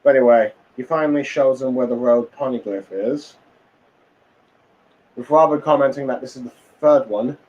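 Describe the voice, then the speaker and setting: A man's voice: mid-range voice, moderate pace, long pauses, lo-fi sound. Rambling man recapping a comic chapter. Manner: rambling, many fillers and restarts. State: tired, yawning. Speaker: manga reviewer.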